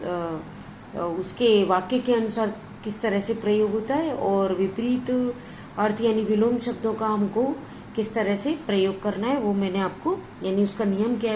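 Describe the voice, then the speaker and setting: A woman teacher explains a grammar lesson at a steady, patient pace, repeating key words and pausing often to check her listeners follow. Her pitch sits in the middle range, and a faint hiss runs under the recording. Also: poor audio.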